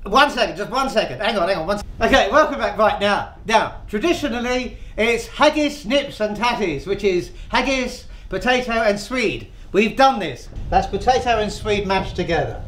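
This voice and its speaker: A man's voice: high-pitched, expressive, normal speed, fairly bright tone. A man hosting a casual cooking demonstration, chatty and rambling and laughing often as he tells jokes. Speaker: cooking show host. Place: outdoors, windy. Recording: echoey with faint ambient noise.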